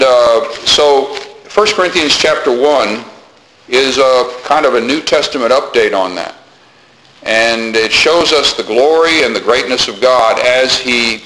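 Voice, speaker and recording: A man preaching a sermon to his congregation in a measured way, often pausing with "uh" between thoughts. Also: medium pitch, slight background noise, poor audio. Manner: measured, with frequent "uh" pauses; soft-spoken in prayer.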